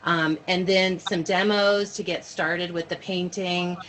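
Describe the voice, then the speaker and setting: On a noisy video call, a teacher trainer leads an informal online presentation with questions and answers, explaining step by step and checking in with listeners. She speaks unhurriedly, her low-ish voice fairly bright and her intonation fairly even.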